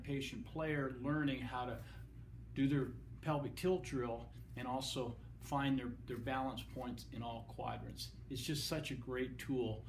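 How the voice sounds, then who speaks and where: A man's voice: mid-range voice, slight background noise. Middle-aged man explaining in a clinic. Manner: explanatory, directing a camera operator. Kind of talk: demonstration lesson. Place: clinic room, indoors. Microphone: camera mic from a few feet away.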